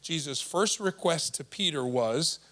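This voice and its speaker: A man's voice: on the high side, expressive, unhurried, a bit bright. A male pastor preaching a sermon in a conversational way, with casual asides and repeated words. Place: church service.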